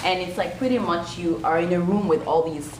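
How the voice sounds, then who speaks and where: A woman's voice: on the low side, fairly quick. A woman in her thirties who grew up in France and Kenya, chatting casually and listing examples with "you know", in a small meeting room. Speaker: interviewee. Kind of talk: casual interview chat. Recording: echoey room with background noise.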